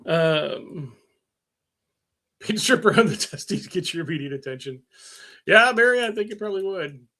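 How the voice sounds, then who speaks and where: High-pitched and animated, with a bright, forceful tone, he moves at a moderate pace and pauses often. He's a middle-aged man casually live streaming about working on his car, full of fillers and self-deprecating rambling while reading out comments from viewers.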